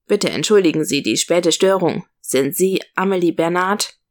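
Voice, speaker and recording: A woman's voice: fairly low pitch, normal speed, natural voice. A woman voicing a polite, reassuring male stranger who speaks courteously and formally.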